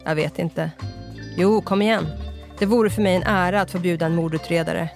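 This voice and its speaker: A man's voice: high voice, steady tone, creaky, faint music behind. A reader voicing a middle-aged Scottish pub owner, a chatty man with a Scottish accent who mixes English phrases into his talk. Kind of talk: audiobook character voice.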